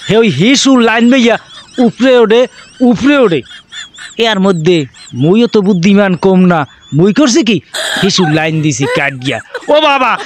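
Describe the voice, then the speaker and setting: Man doing a rustic villager, boastful, excitable, high voice. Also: slight background noise. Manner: excitable, boastful storytelling in rural dialect.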